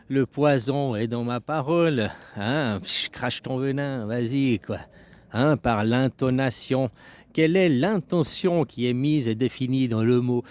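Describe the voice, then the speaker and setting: A man's voice: mid-range voice, darkish tone. Rambling man musing aloud. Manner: rambling, repeats himself, ends phrases with "hein" and "quoi"; acts out short example phrases in shifting tones. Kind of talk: casual philosophical monologue.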